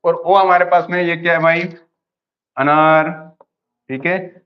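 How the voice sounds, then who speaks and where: A male English grammar teacher in an online lesson keeps posing questions and then supplying the answers himself. He speaks slowly in a fairly high, steady voice, and the lo-fi audio sounds dull.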